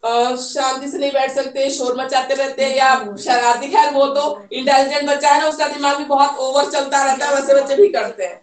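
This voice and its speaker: A woman lectures a class of trainee teachers in a high, clear voice, pausing often to check that everyone is following. She sounds distant from the mic, and her voice echoes around a hard classroom. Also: steady tone. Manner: explains with repeated "theek hai", mixes English terms. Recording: echoey room, voice from far off.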